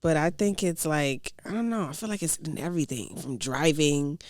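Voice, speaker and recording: A woman's voice: low voice, moderate pace, no room sound, clean studio sound. Blunt New York woman co-host. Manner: blunt, hesitant, many "I don't know". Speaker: podcast co-host. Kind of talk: casual chat.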